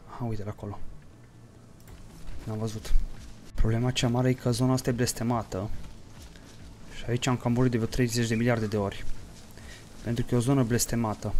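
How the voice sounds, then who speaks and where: A man's voice: medium pitch, a little mellow, slight background noise. A man giving let's play commentary, swinging between mumbled play-by-play, profane hot-tempered outbursts and jokey mock-dramatic storytelling to his viewers. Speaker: gaming streamer.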